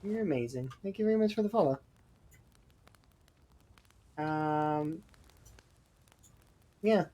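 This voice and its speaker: A man's voice: fairly high pitch, lively intonation, slow pace, pauses often, mellow. A Canadian man chatting casually while streaming a game, rambling with lots of hesitant fillers. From Alberta, Canada.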